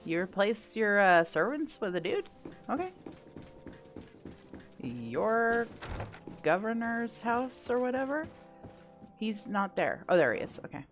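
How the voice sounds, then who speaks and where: A gaming content creator gives casual playthrough commentary, thinking aloud with wry, self-deprecating jokes. Her mid-range voice is very animated yet slow, with long pauses, and faint game music plays in the background.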